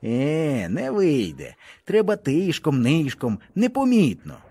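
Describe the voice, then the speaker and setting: A man's voice: a little high, huge pitch swings, slow, creaky, warm tone, slightly rough, pitched above the performer's own voice, exaggerated voice. A man doing panicky ragged soldiers. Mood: frightened. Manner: nervous, stammering. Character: frightened ragged retreating male soldiers, hysterical.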